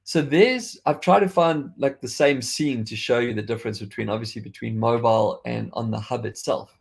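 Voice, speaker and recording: A podcast host from South Africa, his accent faded, chats loosely about tech and frequently begins sentences again. His medium-pitched voice moves at a moderate pace, with vocal fry and a breathy edge.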